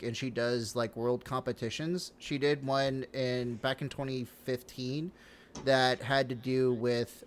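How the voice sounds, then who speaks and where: A young man in casual podcast banter, his voice sitting at an ordinary middle pitch. He rambles through stories with plenty of fillers, asides and offhand swearing. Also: slight background noise. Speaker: podcast co-host.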